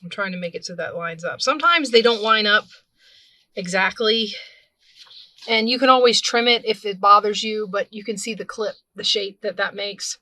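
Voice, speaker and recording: With a sharp tone and a mid-range voice at normal speed, this craft video host chats through a casual hands-on tutorial as she works. She frequently corrects herself mid-sentence. The recording has no room sound.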